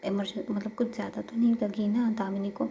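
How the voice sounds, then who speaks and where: A woman's voice: mid-range voice, little pitch movement, fairly quick, vocal fry, mellow, dull audio, natural voice. A woman doing a strict, caring mother. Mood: firm. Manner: firm, commanding.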